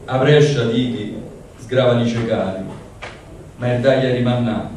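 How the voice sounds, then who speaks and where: A man's voice: medium pitch, steady tone, unhurried, darkish tone. Man, Roman accent, poet reciting verse, very echoey room, background noise. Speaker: poet reading own dialect verse. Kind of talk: poetry recitation at a public reading. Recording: echoey room, distant mic, noisy.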